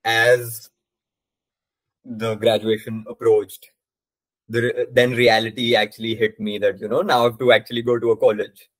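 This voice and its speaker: A man's voice: mid-range voice, flat delivery, normal speed, poor audio. A young man from India with an educated Indian accent, giving articulate, explanatory answers as a podcast guest in a polished, conversational way. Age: young adult.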